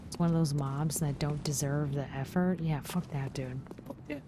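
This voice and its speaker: A woman streaming a game live, chatting casually and swearing, quick to squeal when excited. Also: noisy background. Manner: excitable and profane, jumps to high yelps. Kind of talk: casual live gameplay commentary.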